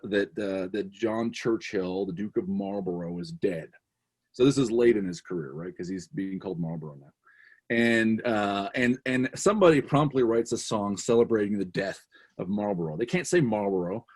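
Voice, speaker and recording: A man's voice: fairly low pitch, a little mellow. A man speaking as a guest author in casual conversation, telling a history story with lots of restarts and fillers.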